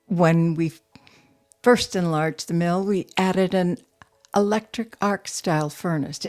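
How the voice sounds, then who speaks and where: In an audio drama, an actress plays a composed, guarded young widow who runs a steel mill. Her low, darkish female voice delivers lines in a measured, matter-of-fact way.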